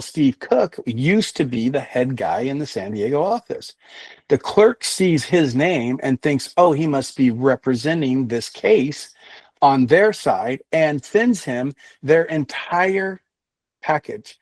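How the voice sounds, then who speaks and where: A business owner speaking as a guest on an interview show, telling his story in a relaxed, conversational way. His voice has a middle pitch for a man and sounds dry and close to the mic, with no room echo. He acts out what other people said as he tells it. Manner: animated storytelling, acting out quoted dialogue.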